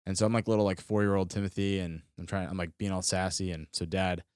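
A man's voice: low voice, little pitch movement, fast, a little mellow, clear, resonant tone, no room sound, studio quality. A young man from Florida telling a childhood story as a podcast co-host, in a rambling, casual way full of fillers and restarts. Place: studio.

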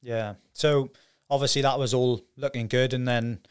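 A man's voice: mid-range voice, steady tone, moderate pace, clear, resonant tone. A man hosting a podcast interview, matey and casual, swearing now and then. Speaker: podcast host.

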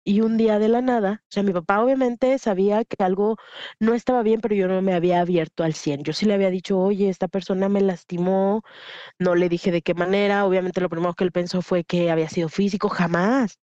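A woman from the Huasteca region of Mexico with a Mexican Spanish accent, a podcast guest telling a candid personal story in an animated way, acting out the people she quotes. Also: mid-range voice, brisk, no room sound. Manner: animated, acts out quoted voices, frequent fillers. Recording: dull lo-fi dry sound.

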